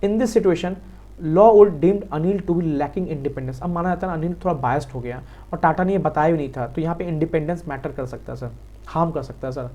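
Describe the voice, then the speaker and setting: A man with an Indian accent giving a quick exam revision lecture on law, talking fast and repeating key points to his students. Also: fairly high pitch, darkish tone, muffled recording. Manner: quick, repetitive, addresses students as sir. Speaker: law teacher.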